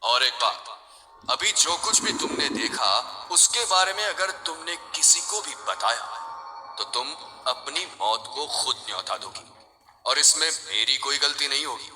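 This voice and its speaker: A man's voice: medium pitch, expressive, unhurried, big-room sound, music in the background, close to an everyday voice, low-quality recording. A man voicing a stern, commanding mysterious young man in a Hindi audio story.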